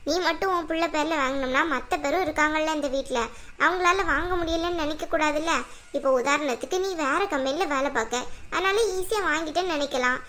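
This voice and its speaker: A woman's voice: high voice, fairly quick, sharp tone. A woman voicing a stern, domineering older mother-in-law who scolds and gives orders in a cartoon. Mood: firm. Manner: scolding, commanding. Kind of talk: cartoon voice acting.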